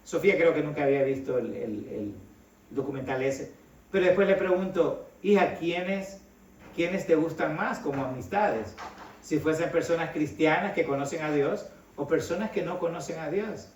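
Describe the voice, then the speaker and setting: A man's voice: fairly high pitch, normal speed, a little mellow. A middle-aged man from El Salvador, preaching a sermon in a conversational way and often calling his listeners brother. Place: church hall. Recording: echoey hall, voice from a distance.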